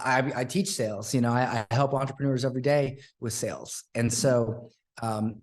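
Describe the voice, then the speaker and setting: Male guest, sales coach, earnest and repetitive, middle-range voice, casual delivery. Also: medium pitch. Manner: earnest, repeats points for emphasis. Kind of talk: casual interview talk.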